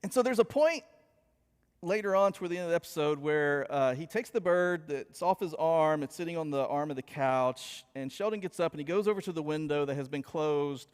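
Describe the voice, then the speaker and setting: A man preaching a sermon, opening with a chatty, animated story told to his congregation. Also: a little high, brisk, smooth. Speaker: pastor. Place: church sanctuary. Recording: long hall reverb.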